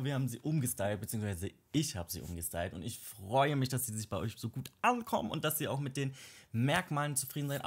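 Excitable man commenting a game. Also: slightly rough. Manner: excitable, gushing, with high squeals. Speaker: let's play host. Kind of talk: casual gameplay commentary.

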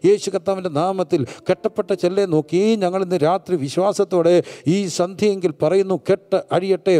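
A man preaching a Bible study sermon in a fervent, rhythmic call-and-response style, sometimes dropping to a soft, hushed storytelling voice. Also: high-pitched, steady tone, brisk.

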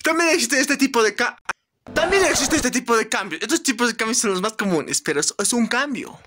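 A man narrating his own comedy sketch in a playful, drawn-out way. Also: extremely high pitch, animated, sharp tone, a little hiss or hum. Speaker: comedy creator.

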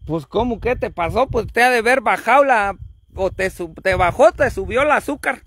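A woman's voice: on the high side, expressive, normal speed, a bit bright, dry recording, studio quality. A woman vlogger, teasing and swearing in casual chat.

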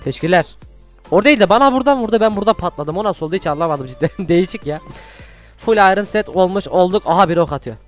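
A young man doing gameplay commentary, chatting with viewers and shouting excitedly during fights. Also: high voice, rapid-fire, faint music behind. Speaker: gaming YouTuber.

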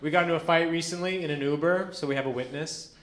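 A man performing a stand-up comedy set on a club stage, telling stories in a deadpan way and acting out quoted dialogue. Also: on the high side, quick pace. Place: comedy club stage before a live audience. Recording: roomy club with audience noise.

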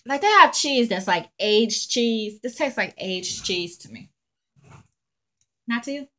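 A middle-aged woman talks through a snack taste test at home, her speech softened by food at her lips. Her voice sits a little high and bright, and it swings up and down as she chats. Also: expressive, unhurried. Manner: chatty, thinking aloud. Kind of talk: casual chat. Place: home, indoors.

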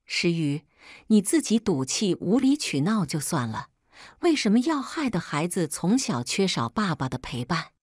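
Give me a woman voicing an arrogant young man in a storybook, shouting accusations in a low, lively voice. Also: moderate pace, breathy edge, dry recording, clean studio sound. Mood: furious.

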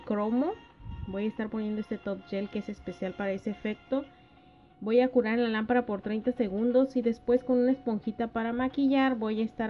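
A woman narrating a nail art tutorial, explaining each step gently and plainly, with little hesitations and soft diminutive words. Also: on the high side. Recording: dull lo-fi voice-over with faint music.

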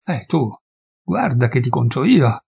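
A man voicing a stern, curt forest warden with a husky voice. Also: mid-range voice, big pitch swings, unhurried, dark tone, exaggerated voice. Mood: gruff. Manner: curt, gruff.

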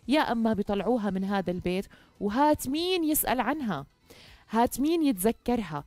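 Female talk show host, young, Jordanian accent. Warm dark tone, dry studio sound, earnest emphatic delivery. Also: medium pitch, dry recording. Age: young adult. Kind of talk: conversational studio monologue. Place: TV studio, indoors. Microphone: headset.

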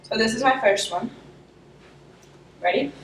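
A woman's voice: a little high, measured pace, slight background noise. A young woman vlogger chatting casually with her brother, playful and teasing, often giggling. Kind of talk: casual chat. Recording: echoey room, far mic, music behind.

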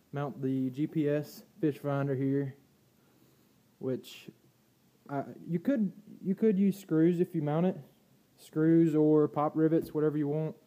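A man's voice: a little high, mellow, muffled recording. A man walking through his kayak gear in a garage, rambling in a plainspoken way with fillers and restarts, recorded on a handheld phone. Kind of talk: casual walkthrough. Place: indoors, garage or storage room. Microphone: handheld phone camera.

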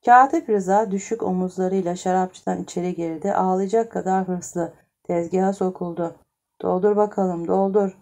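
A woman narrating a novel in a calm, measured audiobook reading. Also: lowish voice.

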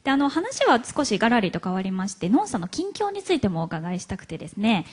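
A woman from Hiroshima hosting a live stage interview, chatty and quick to laugh, with plenty of fillers. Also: mid-range voice, sing-song, slightly rough. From Hiroshima, Japan. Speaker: event MC and interviewer. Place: event hall stage.

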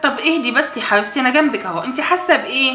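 A woman's voice: sits high, lively intonation, racing, sharp tone, soft background music. A woman doing a soothing Egyptian mother doll. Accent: Egyptian Arabic. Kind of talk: doll play acting. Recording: echoey room.

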